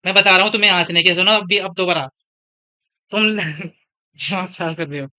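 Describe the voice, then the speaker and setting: Young male teacher from India, high and very bright voice, chatty and scolding in a classroom lecture. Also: fairly even intonation, moderate pace, clean tone. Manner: scolding, chatty, switches between lecture and anecdotes.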